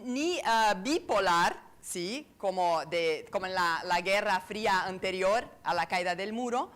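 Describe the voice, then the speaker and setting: At a conference, an astrology speaker with an Argentine Spanish accent addresses a live audience in a fairly high, fairly bright voice. She hunts for words, using many fillers and restarts, and turns to the room with tag questions asking for agreement.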